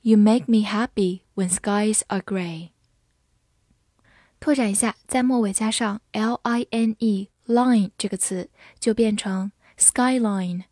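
Woman, calm vocabulary teacher, slow, deliberate delivery, dry close-mic sound. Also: mid-range voice, dry recording. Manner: clear, measured, slows down for model sentences. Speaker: English teacher. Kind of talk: scripted vocabulary lesson.

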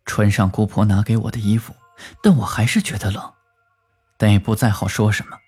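A man with a husky, breathy voice tells a spooky first-person village tale. His pitch rises and falls animatedly as he lifts into quoted speech. Faint music plays underneath. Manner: lively storytelling, lifting pitch for quoted speech. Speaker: narrator. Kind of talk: horror story narration.

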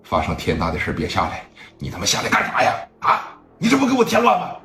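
Brief: man doing a gruff, cursing young thug, lively pitch, echoey. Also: fast talker, over music. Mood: scolding. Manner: gruff, curses. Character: young gang member, gruff and protective.

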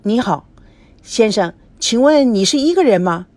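A woman's voice: on the high side, expressive, measured pace, darkish tone, no echo, pitched above the performer's own voice. A woman voicing a courteous young airport counter clerk. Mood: polite.

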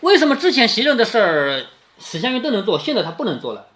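Reading an old classic aloud to his daughter, a man pauses after every passage to restate it simply and explain it. His voice is high, sing-song and a bit bright, rising and falling a lot, and he keeps slipping in little questions, like an informal lesson at home.

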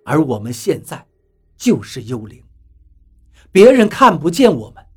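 A man tells a first-person story with a high, animated voice that rises and falls with the drama. His delivery is expressive and theatrical, and faint music plays under the narration. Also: breathy edge.

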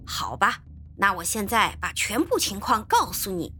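A woman voicing a scheming male detective in a storybook reading, talking in a low, coaxing, conspiratorial way. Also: sing-song, moderate pace, bright, forceful tone, husky, soft background music, full character voice.

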